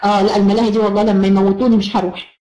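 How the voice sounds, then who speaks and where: A woman's voice: medium pitch, level tone, racing, dark tone, roomy sound, low-quality recording. A woman with an Egyptian Arabic accent giving an encouraging online self-help lecture, praising her students as she goes.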